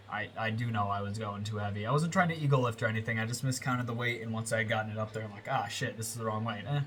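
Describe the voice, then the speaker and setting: A young American man talks through a casual voiceover with a clogged, stuffy nose. He rambles and restarts his sentences, keeping to an everyday middle pitch. A faint hiss sits under the recording. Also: a bit bright. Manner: rambling, with self-corrections and filler words. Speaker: fitness vlogger. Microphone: close voiceover mic.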